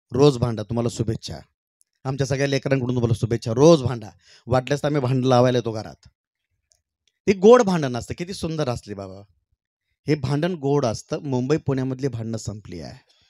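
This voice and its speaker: A middle-aged man performing poems on stage. He sings slow, drawn-out refrains and then talks casually with the audience. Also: mid-range voice, no echo, clean studio sound. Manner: sings poem refrains slowly and loudly, then talks warmly and chattily to the crowd. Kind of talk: stage poetry recital with talk to the crowd. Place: stage at a public event.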